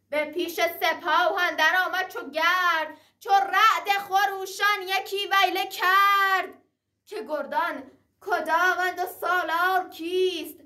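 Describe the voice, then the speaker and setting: A woman's voice: extremely high pitch, bright, forceful tone, far from the mic. A woman reciting a traditional epic in the declamatory manner of a teahouse storyteller, moving between dramatic verse and narration.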